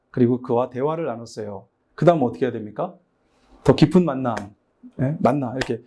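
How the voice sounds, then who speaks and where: A middle-aged pastor from Busan, South Korea, leads a lively training workshop for Sunday school teachers. In a medium-pitched voice, he animatedly acts out phone calls with children, playing both sides of each dialogue.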